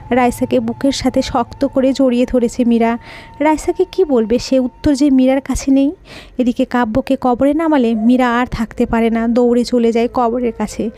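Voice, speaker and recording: A woman's voice: high-pitched, mellow. A woman storyteller giving scripted narration of an emotional audio story in an earnest, melodramatic way.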